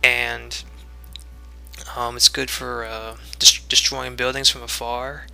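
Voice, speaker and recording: A man's voice: mid-range voice, flat delivery, slow pace, creaky, pushed and bright, clean tone, soft background music. A young man giving casual commentary on his own gameplay video, rambling with many fillers and restarts and a little out of breath.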